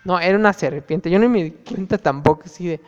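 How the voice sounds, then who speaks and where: A man's voice: high voice, fairly quick. A young man tells gossipy stories about his classes, casual and full of fillers. The recording sounds dull and lo-fi, with a long reverb and faint music in the background. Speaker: student vlogger. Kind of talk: casual storytelling.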